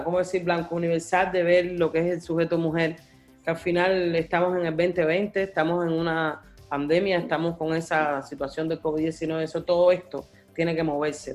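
Slightly high-voiced guy on a radio show, fired up, keeps repeating himself, faint music under. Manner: impassioned, searching for words, repeats phrases. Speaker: guest artist and activist. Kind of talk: radio interview talk.

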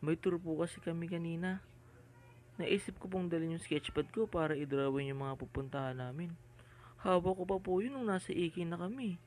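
A man's voice: a little high, brisk, close to an everyday voice, low-quality recording. A man voicing a shy, tearful young boy who speaks politely and hesitantly in an audio drama. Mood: sad, hesitant. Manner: polite, hesitant, softly upset.

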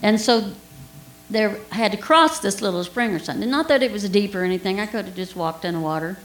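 A woman's voice: mid-range voice, a little fast. Chatty woman teaching in an echoey room. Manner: chatty storytelling with laughs and asides. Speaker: Bible study teacher. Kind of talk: informal sermon with personal story.

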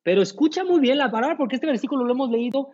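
A man's voice: extremely high pitch, animated, racing, darkish tone, breathy edge, lo-fi sound. A man preaching a sermon as pastor, emphatic and repeating key lines to the congregation.

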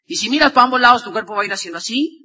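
A man giving an energetic motivational talk, swinging from loud shouts to low murmurs as he acts out dialogue. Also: rapid-fire, in a large hall, highs cut off, a crowd in the background. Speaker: motivational speaker.

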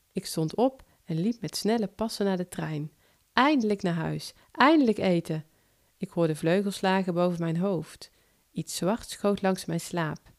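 A woman author narrating her own first-person short story in a calm, measured reading voice. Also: fairly low pitch.

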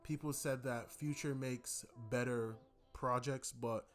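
A man's voice: mid-range voice, steady tone, takes it slowly, soft background music. A young man hosting a podcast, chatting loosely about an album, rambling with lots of fillers. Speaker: podcast host. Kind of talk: casual music review chat.

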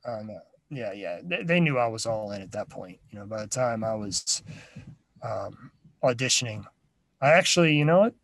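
A man's voice: on the low side, expressive, normal speed, fairly bright tone, no echo, low-quality recording. A man in his thirties, a drummer and teacher, talking casually as an interview guest, with many fillers and repeated words.

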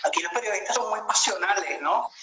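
A man's voice: high-pitched, brisk, reverberant, noisy background. A man in his late thirties with a Venezuelan accent, a guest telling his story in a reflective way with many hesitations over a video call. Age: 30s. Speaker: interview guest.

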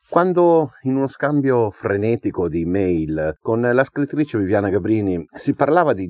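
Podcast guy telling a little story to open the show, lowish voice but bouncy, dry close mic. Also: a little mellow, no room sound. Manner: chatty, anecdotal. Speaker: podcast host. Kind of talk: casual spoken introduction.

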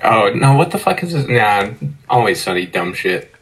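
A man's voice: lowish voice, very animated, moderate pace, fairly bright tone, slight background noise, poor audio. A man appearing as a podcast guest in casual chat, wisecracking and swearing freely.

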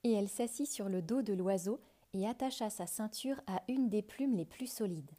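Mellow woman reading a fairy tale. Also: fairly high pitch. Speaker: storyteller.

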